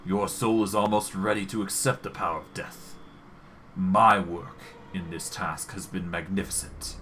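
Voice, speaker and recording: A man as a grandiose, low ancient lich. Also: steady tone, bright, forceful tone, slight background noise. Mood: commanding, smug. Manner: commanding, grandiose, deliberate. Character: ancient undead lich mentor, male, grandiose and gleeful. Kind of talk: fantasy game role-play.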